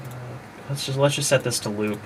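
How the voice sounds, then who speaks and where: This medium-pitched man talks a little fast against a noisy backdrop with music playing. He's developing a game, narrating his playtesting to himself in a loose dev-stream style and letting thoughts trail off unfinished.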